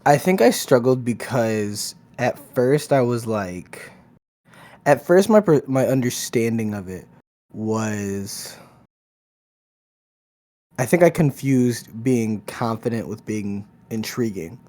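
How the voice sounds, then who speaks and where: A man's voice: mid-range voice, expressive, slow, a little mellow. A man co-hosting a podcast, recounting his own experience in casual chat, hesitant and full of restarts. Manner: hesitant storytelling with many restarts. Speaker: podcast co-host.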